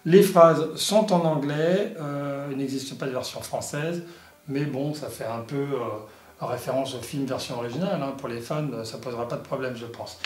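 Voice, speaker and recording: A man presents a product in a casual, halting, explanatory way, as in a hands-on toy review. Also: mid-range voice. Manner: halting, explanatory, punctuated with little sound effects. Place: indoor room. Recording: echoey room, faint music behind.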